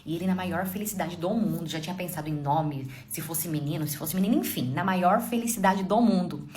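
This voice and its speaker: A woman's voice: on the low side, a little fast, a little mellow. A young woman telling a dramatic first-person story in a casual way, talking straight to her listeners. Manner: dramatic, addresses listeners directly.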